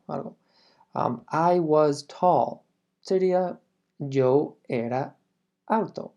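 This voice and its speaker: Slow, low-voiced woman teaching a language. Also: dark tone, muffled recording. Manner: patient, explains step by step and models example phrases clearly. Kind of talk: language lesson explanation.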